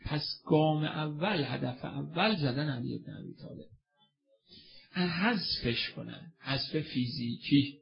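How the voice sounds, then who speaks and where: A man's voice: fairly high pitch, expressive, gravelly, lo-fi sound. A man preaching a religious sermon with a passionate delivery, asking the audience questions and answering them himself. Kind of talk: religious sermon and mourning recitation.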